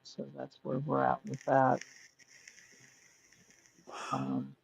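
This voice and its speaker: A man co-hosting a casual podcast from home next to a sleeping baby talks bluntly and swears freely. His mid-range, creaky voice is very animated with drawn-out words, and the dull, muffled lo-fi line makes him sound as if he's heard through a wall.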